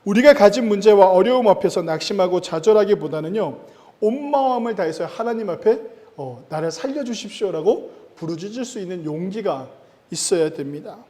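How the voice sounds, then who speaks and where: Pastor, man, high mellow voice, emphatic preaching, long church-hall reverb. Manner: emphatic preaching with rising stress and sudden drops in loudness. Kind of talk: sermon. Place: church sanctuary.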